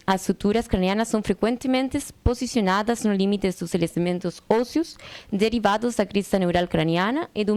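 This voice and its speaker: A woman's voice: mid-range voice, a little mellow, clear, resonant tone, dry recording. Woman, foreign accent, non-native Portuguese, careful formal reading, medical lecture, dry close sound. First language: not Portuguese. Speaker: medical presenter. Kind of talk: scripted medical lecture, read aloud.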